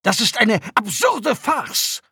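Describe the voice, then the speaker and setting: A pampered alien aristocrat shrieks his outrage in a high, piercing voice with a gravelly edge. He is haughty and indignant, demanding and loud. The audiobook sound is dry and close. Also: very animated, takes it slowly, no room sound, full character voice. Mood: outraged.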